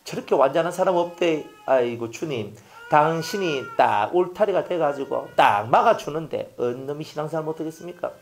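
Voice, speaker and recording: A man's voice: fairly high pitch, expressive, brisk. A man with a Gyeongsang accent voicing a sly, accusing male devil spirit who sneers. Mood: sneering. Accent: Gyeongsang Korean.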